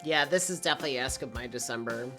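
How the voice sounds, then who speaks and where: A man's voice: mid-range voice, fast talker. Rambling young man reacting to music. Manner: enthusiastic, rambling with many fillers. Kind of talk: casual reaction commentary. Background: faint music playing.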